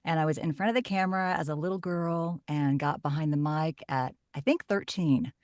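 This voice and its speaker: Middle-aged woman from Oklahoma, voiceover pro, low warm-toned chat, dry mic. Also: fairly quick, no echo. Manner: chatty storyteller, animated asides. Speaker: voiceover artist guest. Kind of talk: casual podcast chat.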